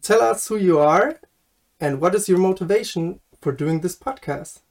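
A woman's voice: on the low side, normal speed, darkish tone. A woman hosting a podcast interview, upbeat and encouraging as she invites her guests to speak. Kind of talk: casual interview. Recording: distant from the mic.

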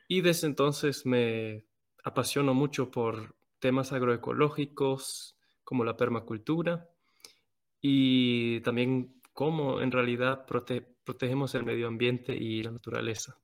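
A man born in Venezuela and raised in Germany, co-hosting a podcast and explaining calmly with small hesitations. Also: medium pitch, measured pace. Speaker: podcast co-host. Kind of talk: casual podcast chat.

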